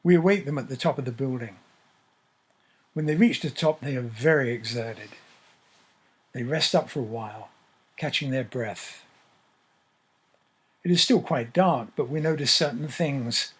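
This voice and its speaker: A man narrating a scripted story in a measured, descriptive way. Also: medium pitch, breathy edge.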